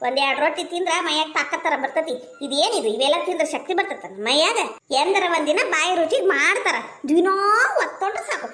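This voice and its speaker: A woman acting in a village comedy skit with a North Karnataka Kannada accent. Her voice sits very high and the words tumble out quickly. She banters and teases, quick-tongued. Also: expressive, a bit bright, roomy sound. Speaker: comedy skit actor and channel host.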